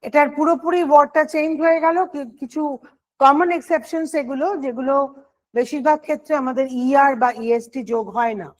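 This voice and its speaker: A woman's voice: high-pitched, fairly even intonation, brisk, a little mellow. A woman teaching an online grammar lesson for exam prep, explaining step by step and answering her own questions.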